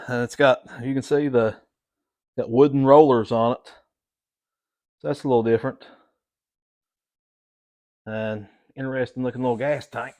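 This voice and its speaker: A middle-aged man, chatting casually to viewers as a vlog host in a folksy, plain-spoken, halting way. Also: mid-range voice. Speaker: host of a hobby repair channel.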